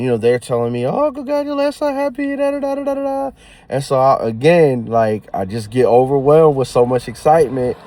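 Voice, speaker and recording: A young man telling a story in a casual vlog, slangy and animated, swinging from giddy excitement to hushed, somber talk. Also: mid-range voice. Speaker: new dad telling a story.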